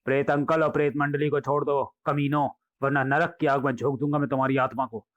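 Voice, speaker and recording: A man's voice: medium pitch, flat delivery, brisk, lo-fi sound, lightly acted. A man voicing a young hero boy who roars in anger and pleads. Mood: furious. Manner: angry, then pleading.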